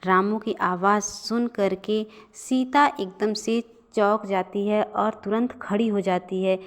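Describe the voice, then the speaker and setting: A woman narrating a storybook cartoon with an expressive, lively reading. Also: mid-range voice, slow pace.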